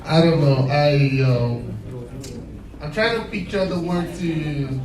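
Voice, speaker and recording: A man hosting a live event, lively and encouraging, calling for applause. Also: fairly high pitch, slow. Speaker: event host. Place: event hall. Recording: roomy sound from a distant mic.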